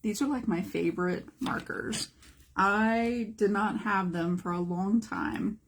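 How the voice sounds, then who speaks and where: A woman's voice: medium pitch, slow. A middle-aged woman art teacher giving a chatty live-streamed lesson and greeting viewers as she goes.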